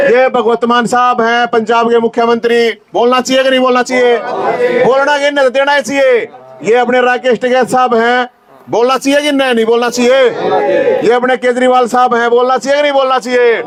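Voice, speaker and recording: A man with a Haryanvi accent giving a fiery rally speech in an outdoor protest tent, shouting repeated questions at his supporters. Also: very high voice. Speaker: activist leader speaking to supporters. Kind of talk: rally speech with call-and-response.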